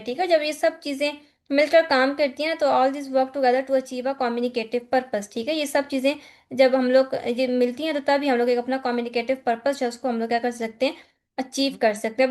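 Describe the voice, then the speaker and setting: A Pakistani woman with a high voice gives an exam-focused lesson. She reads each point from the slide, explains it again in her own words, and keeps checking that the students are following. Her delivery is steady and practical, like a tutor going through a course. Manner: mixes Hindi-Urdu with English terms, reads slide points then explains them; frequent "theek hai" check-ins.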